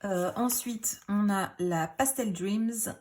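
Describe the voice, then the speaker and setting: A woman in casual show-and-tell, chatty and rambling, with many fillers, self-corrections and quiet muttered asides. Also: medium pitch, slow. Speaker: craft YouTuber.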